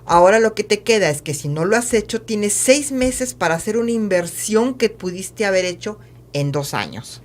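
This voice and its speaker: A woman's voice: medium pitch, expressive, normal speed. A woman consultant as a podcast guest, speaking emphatically and addressing the listener directly. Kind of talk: explanatory podcast talk.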